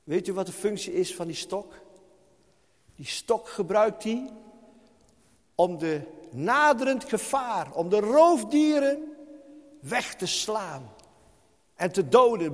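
A man's voice: high-pitched, animated, takes it slowly, pauses often. A man preaching a sermon to his congregation, impassioned and crying out pleas to God, recorded in a church hall. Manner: repeatedly addresses the congregation. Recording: reverberant hall.

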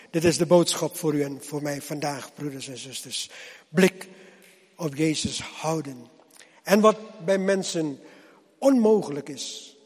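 Husky guy preaching real slow, kinda high voice, big church echo. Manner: slow, swelling and dropping loudness with repeated appeals. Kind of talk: sermon. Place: church hall. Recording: long reverb of a church hall.

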